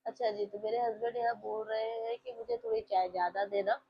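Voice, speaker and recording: A woman's voice: mid-range voice, fairly even intonation, fairly quick, vocal fry, breathy edge. A woman, narrating her day in a casual, chatty vlog voice-over and talking to her viewers directly. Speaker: vlogger. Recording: slightly dull lo-fi with faint home ambience.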